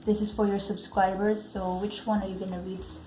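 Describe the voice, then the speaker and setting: A woman, a parent, chatting casually in a home vlog and gently prompting her child with simple questions. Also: medium pitch, flat delivery, brisk, a little hiss or hum. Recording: roomy echo.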